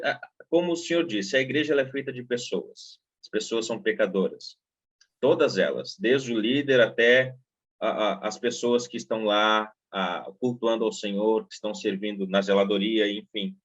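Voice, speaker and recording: Um apresentador brasileiro comenta teologia numa conversa, hesitando e repetindo palavras enquanto organiza o raciocínio. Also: male voice, lowish voice. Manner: hesitant, repeats words while building a point. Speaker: podcast host. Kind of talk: casual theological conversation. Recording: dull, muffled sound.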